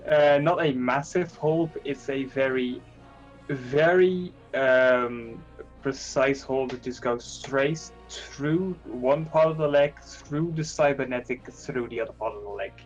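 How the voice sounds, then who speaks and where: A man running a tabletop game as game master, explaining details in a halting, self-correcting way. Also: medium pitch, lo-fi sound. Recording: music playing behind the voice.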